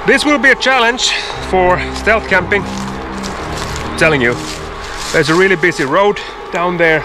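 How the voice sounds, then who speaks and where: Loud music sits behind this man's high-pitched voice as he vlogs a hike, holding the camera at arm's length in woods beside a road and railway. He speaks slowly, storytelling in a chatty way with fillers and spooky asides.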